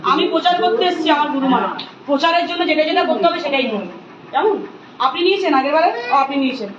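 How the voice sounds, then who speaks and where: A woman's voice: high-pitched, fast, echoey room, recorded from a distance, lo-fi sound, noisy background. A woman at a religious gathering questions attendees and lectures them in an insistent, preachy, scolding manner. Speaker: spiritual volunteer handing out free remedies.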